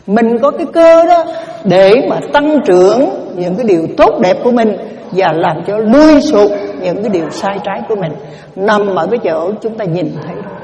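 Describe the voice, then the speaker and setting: A woman's voice: a little high, mellow, in a large hall. A woman, a Buddhist nun, giving a dharma talk as a sermon, with an earnest, repetitive teaching cadence.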